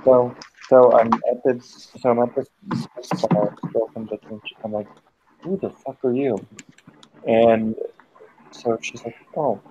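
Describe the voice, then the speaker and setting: A man spins a meandering anecdote over an online voice chat, full of restarts and swearing and quick to snap at anyone who cuts in. His voice sits at an ordinary male pitch. The headset audio is dull and lo-fi, with a faint hiss underneath. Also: steady tone. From United States. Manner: rambling, profane, often stops to snap at interruptions. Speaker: group voice-chat host telling a story. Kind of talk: casual chat storytelling.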